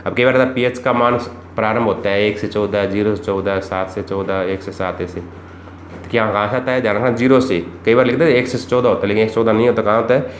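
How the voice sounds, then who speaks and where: In an echoey room with a little background noise, a man preps students for a chemistry exam, asking rhetorical questions and repeating what matters most. His pitch is fairly low, his tone steady, and his pace quick.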